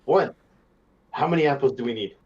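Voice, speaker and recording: A man's voice: mid-range voice, brisk, husky. A man chatting casually as a player in a tabletop game, recorded with slightly dull sound.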